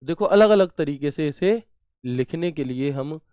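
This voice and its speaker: A man's voice: a little high, expressive, a little slow, darkish tone, clean tone, dry recording, studio quality. A man teaching a computer class online, chatty, asking questions and answering them himself with homely examples.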